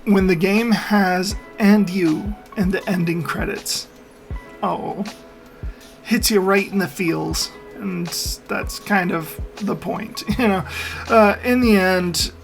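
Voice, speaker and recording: A man's voice: sits high, slow pace, creaky, faint music behind. A man hosting a meme reaction video, talking casually and opinionatedly, rambling and laughing often. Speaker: meme reaction channel host. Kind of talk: casual commentary.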